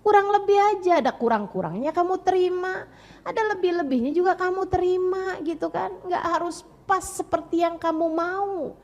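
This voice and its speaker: A woman's voice: very high voice, normal speed, highs cut off. A woman preacher giving an Islamic sermon to mothers, stressing her points with repeated phrases and acting out quoted prayers. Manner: emphatic, repeats phrases, swings between lively and soft; acts out quoted prayers and parents.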